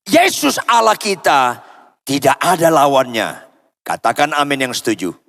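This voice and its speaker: A man from Indonesia preaching a sermon as pastor in a church, swinging from loud cries down to low murmurs and calling out to the congregation for answers. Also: big pitch swings, a little slow, vocal fry. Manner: asks the congregation for responses. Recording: long church hall reverb.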